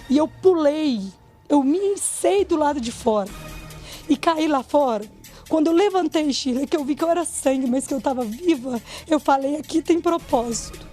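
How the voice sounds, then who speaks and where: A woman in her thirties with a high, darkly mellow voice gives a TV interview, retelling a frightening escape and acting out each person's words. Faint music plays underneath. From Brazil. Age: 30s. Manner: urgent retelling, acting out quoted dialogue. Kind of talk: emotional testimony in a TV interview.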